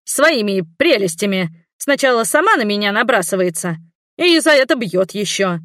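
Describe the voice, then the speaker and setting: A woman voicing a cranky, lecherous old male magic appraiser, talking slowly with a grumbling, testy manner. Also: medium pitch, animated, fairly bright tone, no echo, clean studio sound, natural voice. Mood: flustered.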